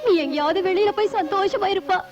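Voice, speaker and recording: A woman's voice: sits high, lively intonation, brisk. A woman voicing a poor, protective mother in a dubbed film, pleading and anguished. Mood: tearful. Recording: dull film soundtrack with loud music.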